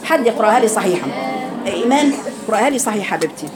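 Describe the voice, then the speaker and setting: A woman with an Egyptian accent teaching Quran recitation, correcting students and drawing sounds out slowly to demonstrate. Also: mid-range voice, expressive, over music. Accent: Egyptian Arabic. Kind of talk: online recitation class.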